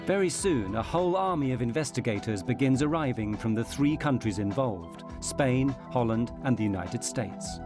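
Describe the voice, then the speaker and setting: A man narrating a documentary in a measured, dramatic scripted delivery. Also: medium pitch, animated. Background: music.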